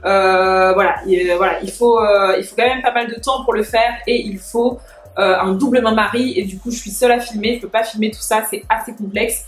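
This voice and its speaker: A young woman, a little sick, chatting casually through a hair tutorial at home, pausing often with fillers. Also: medium pitch, fairly even intonation, roomy sound, soft background music. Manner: chatty, many filler pauses. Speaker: hair care vlogger. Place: home, washing machine spinning nearby.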